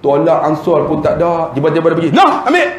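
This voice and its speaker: A man's voice: a little high, fast talker, reverberant. A man with a northern Malaysian accent giving a religious lecture, telling humorous stories and acting out the dialogue. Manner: animated, humorous, acts out dialogue. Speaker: Islamic preacher.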